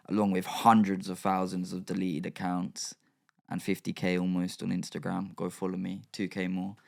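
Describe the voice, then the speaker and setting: A man's voice: deep voice, creaky. A young man, chatting casually as a podcast guest, slangy and rambling with lots of fillers. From England. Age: young adult. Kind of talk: casual chat.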